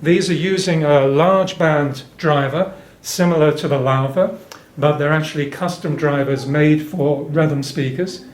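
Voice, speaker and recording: A man with a fairly high voice talks a little slowly, with few pauses, while presenting hi-fi equipment at a show. In the roomy indoor demo room, with music in the background, he gives a casual, detailed rundown of technical points.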